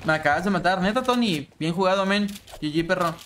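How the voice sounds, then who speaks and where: A man in his twenties with a Mexican accent, chatting casually while streaming a game, greeting viewers in slang, humming and breaking into shouts. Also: high voice, fairly quick, a little hiss or hum. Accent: Mexican Spanish. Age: 20s. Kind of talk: casual live-stream chat.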